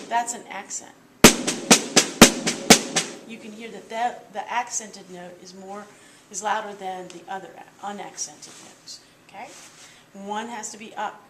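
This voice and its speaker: A woman teaching a percussion lesson, explaining patiently step by step with small fillers. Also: medium pitch. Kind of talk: instructional walkthrough. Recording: roomy, distant mic with loud drumming.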